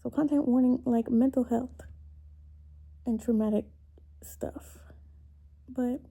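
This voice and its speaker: A woman in her twenties speaks in a dark, soft-edged voice with a gravelly fry, fairly high but flat in melody. She is tearful and upset, confiding to camera in a halting, confessional way, pausing often and letting phrases trail away. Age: 20s. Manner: halting, emotional, with long pauses and trailing off. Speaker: vlogger. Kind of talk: confessional personal vent to camera.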